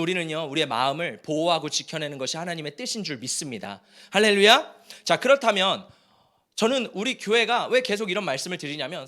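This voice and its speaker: A male pastor giving an animated Friday-night sermon in a church, joking with the congregation and calling for amens. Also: sits high. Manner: animated, jokes and calls for amen. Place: church sanctuary.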